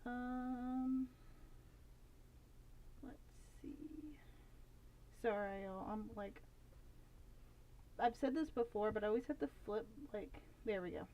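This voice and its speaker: A woman's voice: on the high side, takes it slowly, pauses often. A young woman chatting casually on a live stream while she draws, rambling and thinking aloud with lots of fillers. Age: young adult. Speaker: art streamer. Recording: slightly dull lo-fi audio with faint noise.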